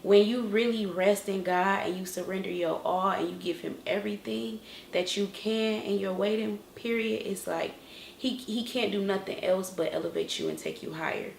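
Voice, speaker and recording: A woman's voice: medium pitch, normal speed, vocal fry, roomy sound, a little hiss or hum. A young woman vlogging an earnest, emotional faith testimony, often restarting her sentences. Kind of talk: inspirational faith vlog.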